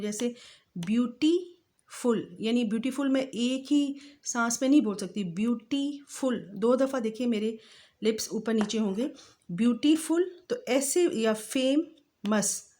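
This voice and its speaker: A woman teaching English grammar in a patient voice-over, slowly spelling out word forms. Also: a little high, a little mellow. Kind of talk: grammar lesson explained over slides.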